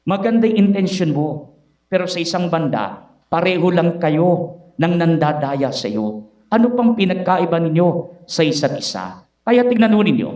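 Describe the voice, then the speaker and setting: A man's voice: high voice, darkish tone, muffled recording. A man, a priest, giving a Sunday homily and asking the congregation rhetorical questions. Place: church. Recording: echoey church, voice from a distance.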